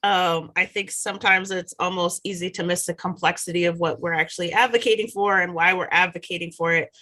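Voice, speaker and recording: A woman's voice: lowish voice, fairly even intonation, fairly quick, pushed and bright. A woman hosting an interview, welcoming her guest and asking questions in an eager, upbeat way. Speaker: host.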